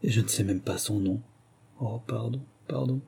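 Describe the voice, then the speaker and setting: Man doing a middle-aged mother, soft, hesitant, confessional, husky, audiobook reading. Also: lowish voice, moderate pace, full character voice. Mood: anguished. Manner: soft-spoken, hesitant and confiding.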